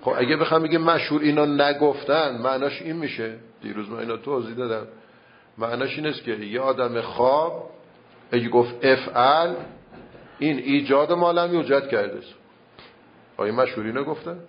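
A man at middle pitch teaching a seminary class, arguing his point with rhetorical questions and patient explanation. The recording sounds dull and lo-fi. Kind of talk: classroom debate on grammar and logic.

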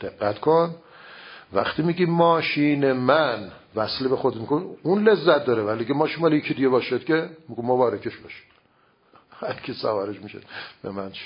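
A man's voice: on the high side, husky. A man teaching religious philosophy in an informal lecture, explaining with everyday examples and rhetorical questions. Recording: dull lo-fi recording.

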